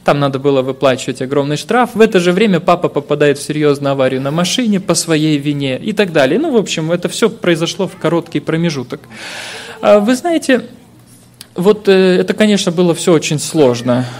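A man's voice: on the high side, animated, a little fast. Earnest man preaching a sermon. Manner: earnest, heartfelt testimony with hesitant fillers.

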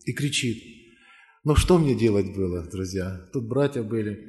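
A man's voice: lowish voice, animated, unhurried, a little mellow. Man preaching a sermon, earnest and pleading, tells stories then calls folks up, echoey church hall. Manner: earnest storytelling, pleading with listeners. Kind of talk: sermon with altar call. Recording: long hall reverb.

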